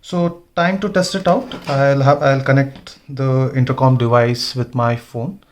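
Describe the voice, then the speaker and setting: Speaking a little slowly and in a steady tone, a man with a medium-pitched voice walks through installing gear. He's a motovlogger giving relaxed, hands-on instruction, voicing his thoughts as he goes.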